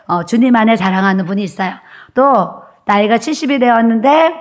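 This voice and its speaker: A woman pastor preaches a Sunday sermon in a church. She speaks earnestly and conversationally at a middle pitch, often pausing on "uh" as she works through her points. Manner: earnest preaching with frequent "uh" fillers. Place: church sanctuary.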